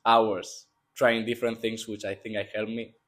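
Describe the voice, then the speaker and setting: A man's voice: lowish voice, level tone, normal speed, fairly bright tone. A young man from Spain, a student athlete answering interview questions casually, rambling and restarting his phrases. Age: young adult.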